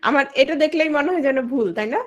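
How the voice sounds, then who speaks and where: A woman's voice: high voice, quick pace, fairly bright tone, highs cut off. A woman teaching an exam-prep language lesson. She keeps asking her students questions, answers them herself and calls on students by name.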